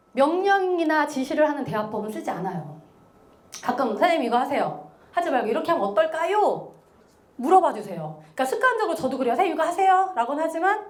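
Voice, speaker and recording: Animated woman lecturing in an echoey room. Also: sits high. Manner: animated, acts out quoted remarks, laughs often. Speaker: business seminar lecturer. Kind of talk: lively seminar lecture.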